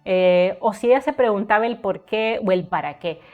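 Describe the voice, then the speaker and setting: Woman host, earnest live literature talk, mid pitch, faint music underneath. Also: moderate pace, phone-quality sound. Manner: earnest, conversational, many filler eh's. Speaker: literature tutor and channel host.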